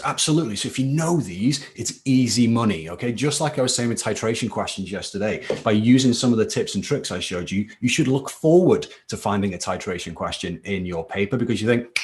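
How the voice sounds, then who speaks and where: A man teaching chemistry in a live online class, chatty and informal, checking in with "okay?" after each point. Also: on the low side. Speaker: chemistry tutor. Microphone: computer mic for a live stream.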